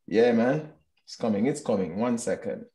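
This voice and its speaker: A man's voice: medium pitch, lively intonation, moderate pace, dark tone, soft background music. A man, a reggae singer chatting easily and joking as a guest. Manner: easygoing, joking, laid-back. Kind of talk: casual video-call chat.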